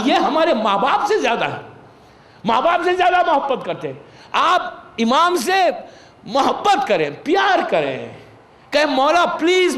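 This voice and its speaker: High-voiced man preaching in an echoey hall. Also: a bit bright. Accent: Indian Urdu. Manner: explains with everyday examples, mixes English words into Urdu; pleading, urges listeners directly. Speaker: Shia cleric giving a majlis sermon. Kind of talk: sermon. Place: religious gathering hall.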